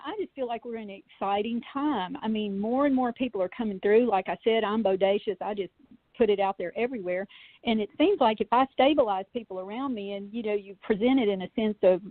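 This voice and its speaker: A woman's voice: mid-range voice, fairly quick, dry recording. Chatty woman over a tinny phone line. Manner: chatty, animated, tells anecdotes with many fillers. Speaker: podcast guest, UFO researcher. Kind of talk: casual storytelling in a call-in interview.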